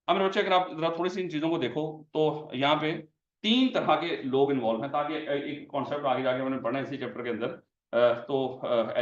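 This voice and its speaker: A male accounting lecturer with a Pakistani Urdu accent, teaching a class and answering his own questions while calling his students "my child". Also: fairly high pitch. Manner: fond, keeps calling students 'my child'. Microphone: camera at a distance. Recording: echoey classroom, distant and dull.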